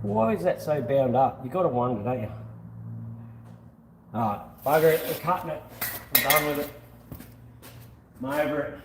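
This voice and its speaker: Bloke in an echoey, noisy workspace. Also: male voice, a little high, animated, normal speed, long pauses. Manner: laid-back, slangy, jokey, talks to himself while working. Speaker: amateur mechanic vlogger. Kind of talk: casual hands-on car vlog chat to viewers.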